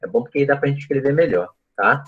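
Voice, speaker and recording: A man's voice: medium pitch, expressive, fast, narrow, tinny audio. A man teaching a live online Portuguese grammar lesson, explaining step by step and often checking that students follow. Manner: explanatory, asks frequent checking questions.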